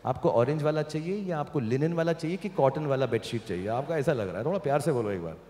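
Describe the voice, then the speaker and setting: A man's voice: fairly high pitch, expressive, fast talker, mellow, a little hiss or hum. A man hosting a launch event on stage, teasing and coaxing a couple with playful jokes. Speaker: event host. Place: large event hall. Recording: hall reverb, faint ambience.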